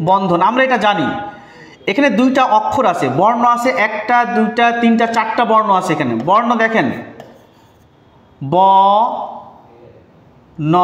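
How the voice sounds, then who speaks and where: High-voiced teacher repeating key points. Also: male voice, a bit bright, reverberant. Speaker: grammar teacher. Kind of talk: live online grammar class.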